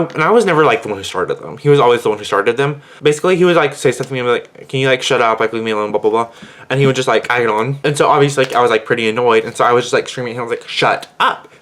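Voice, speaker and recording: Brief: teen guy, mid-pitched, rambling storytime vlogger, indignant, filler-heavy. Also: fairly bright tone. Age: teenager. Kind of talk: storytime vlog.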